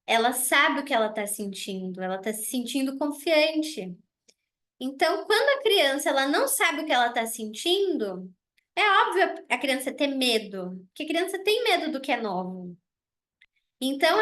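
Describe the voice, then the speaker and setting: A woman dentist giving a casual online presentation, explaining warmly and rephrasing her points, on a computer mic. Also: sits high. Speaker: dentist presenting a wellness oil kit for children.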